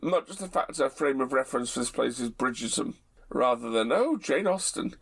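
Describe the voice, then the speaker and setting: A man's voice: mid-range voice, animated, brisk, creaky, fairly bright tone, husky. A man co-hosting a casual review chat, wry and sarcastic. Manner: wry, sarcastic, quotes in mocking voices. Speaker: podcast co-host.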